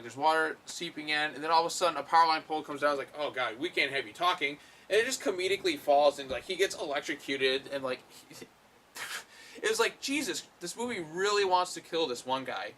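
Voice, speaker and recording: Guy rambling thru a movie review, lots of "like", swears a bunch, kinda high bright voice, faint hum behind. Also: expressive, quick pace. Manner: rambling, filler-heavy, blunt with swearing. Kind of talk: casual spoken film review.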